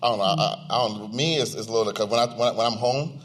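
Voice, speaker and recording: Fast and lowish, with a fairly bright tone, a young American man of Nigerian descent co-hosts a podcast in front of a live audience at an event venue. His talk is casual and slangy, captured in a slightly distorted recording.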